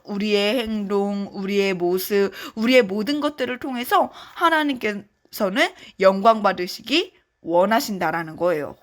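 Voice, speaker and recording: A woman teaching a children's sermon, telling a Bible story in an animated, friendly way that speaks straight to the kids. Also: mid-range voice.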